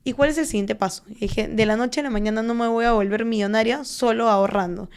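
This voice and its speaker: A clear-voiced woman from Peru, a stock trader and finance content creator, explains investing as a guest in a conversational interview. Her voice is on the high side with fairly even intonation, and her measured explanations carry frequent fillers and tag questions.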